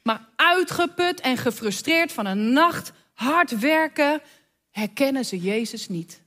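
A woman preaches a sermon with a bright, high voice. She tells the story slowly, with dramatic pauses. She lands her points with emphatic repetition. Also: animated.

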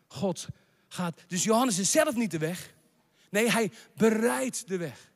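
A man preaching a sermon, building to shouted proclamations and dropping in English phrases. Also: high-pitched, in a large hall.

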